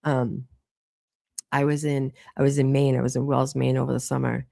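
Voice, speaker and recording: Boston woman in her thirties hosting a live chat, blunt and foul-mouthed, with a gravelly voice recorded close and dry. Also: a bass voice, level tone, normal speed, mellow, no room sound. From Boston, Massachusetts. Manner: chatty, blunt, swears freely. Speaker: livestream host. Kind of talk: casual late-night live chat.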